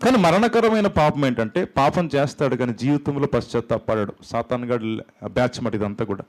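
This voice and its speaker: A man in the middle of a sermon, delivering it with dramatic energy. His voice sits at a middle pitch, then suddenly leaps up or sinks low as he acts out the voices of others. He drops English phrases into his preaching. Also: lively intonation, a little fast, a little mellow, rough recording. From India. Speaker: pastor.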